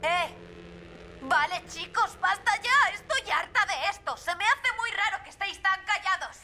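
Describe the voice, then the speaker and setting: A woman's voice: extremely high pitch, lively intonation, normal speed, sharp tone, a little hiss or hum, heavily acted. A young woman actor playing a frightened but defiant victim hunted in a horror game, tense and pleading. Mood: uneasy, annoyed. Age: young adult. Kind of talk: naturalistic horror game acting.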